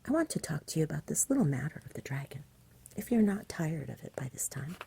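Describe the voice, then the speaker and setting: A woman's voice: low-pitched, sing-song, fast talker, gravelly, warm tone, slight background noise, heavily acted. A woman voicing an eager, cheeky, pleading village boy in a whispered ASMR storybook reading. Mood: polite. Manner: urgent, cheeky, imploring.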